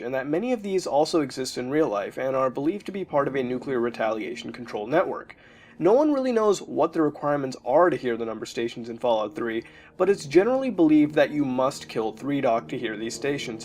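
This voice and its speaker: A man casually narrating a creepy internet story for a video, with the occasional filler as he goes. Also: medium pitch. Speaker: YouTube narrator.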